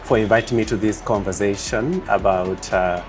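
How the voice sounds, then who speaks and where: A man from Uganda answering interview questions as a project leader, speaking in a measured way with many pauses and fillers. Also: fairly low pitch, fairly even intonation, soft background music.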